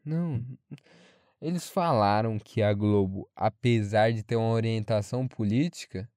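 Um jovem brasileiro falando sozinho de forma casual, franca e cheia de palavrões, divagando sobre a faculdade. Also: male voice, fairly low pitch, moderate pace, mellow, no room sound, studio quality. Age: young adult. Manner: frank, rambling, swears freely. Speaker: podcast host. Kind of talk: casual solo monologue.

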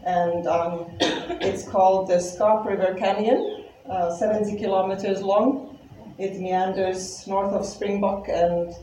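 Speaking slowly and flatly in a warm, mid-range voice, a lay preacher from Finland with a Finnish accent opens her first sermon. She's humble, jokes lightly at her own expense, and hesitates with fillers at times. A distant mic in the echoey church hall picks up faint ambience and a little hiss or hum.

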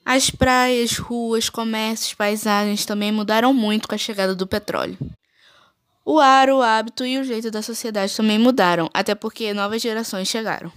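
Woman, school podcast presenter, read-aloud script, fairly high voice. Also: steady tone, normal speed.

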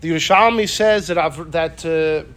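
A man with a notably high voice leads an informal Torah class. He talks in a lively way, repeats his points and acts out the quoted speakers as he goes. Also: moderate pace.

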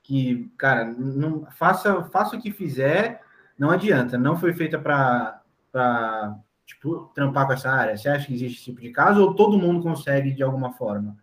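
A man's voice: medium pitch, expressive, moderate pace, fairly bright tone. A man with a Brazilian accent hosting a podcast in casual, slangy chat. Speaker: podcast host.

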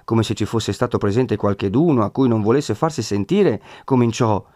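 A man with an Italian accent reading a classic novel aloud in steady, measured narration. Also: fairly low pitch, no echo, studio quality. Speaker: audiobook narrator. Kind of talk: scripted narration.

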